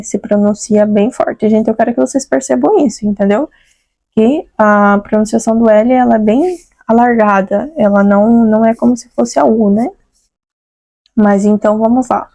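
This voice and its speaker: Brazilian woman teaching Spanish, unhurried and patient, slightly high warm voice, dry close sound. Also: dry recording. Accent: Brazilian Portuguese. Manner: patient, repeats words slowly, tags phrases with "né?" and "tá?". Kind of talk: online language lesson.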